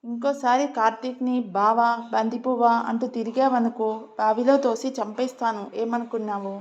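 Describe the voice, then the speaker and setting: A woman's voice: on the high side, fairly even intonation, normal speed, darkish tone, lightly acted. A woman voicing a bossy, jealous young woman who scolds and threatens, on a dull lo-fi recording. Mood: angry threats.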